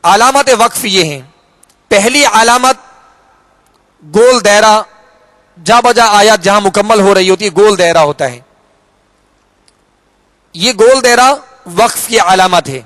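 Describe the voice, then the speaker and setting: A high-pitched male teacher with a Pakistani Urdu accent explains reading rules patiently, repeating himself and stretching out example words. The recording is close and dry, with no room sound. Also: long pauses, pushed and bright, no echo. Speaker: Quran recitation teacher. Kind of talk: slow explanatory lesson.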